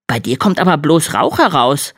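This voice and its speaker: Woman reading storybook schoolboy, slightly raised pitch, firm and matter-of-fact. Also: sing-song, moderate pace, no echo, studio quality. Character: young schoolboy, sensible and a bit grumpy.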